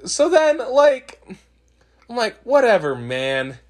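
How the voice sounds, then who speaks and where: A man co-hosting a casual podcast, sarcastically recapping a movie and mocking its characters in quick quoted asides. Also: very high voice, wildly swooping pitch. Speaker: podcast co-host. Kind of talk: casual chat.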